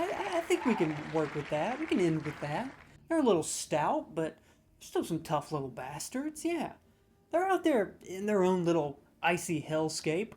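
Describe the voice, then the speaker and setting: Playing a comedic judge, a man rants through a ranking of video game voice lines, handing out mock-serious verdicts laced with profanity. He gets excited and stammers into restarts, and his voice is high-pitched with a breathy edge.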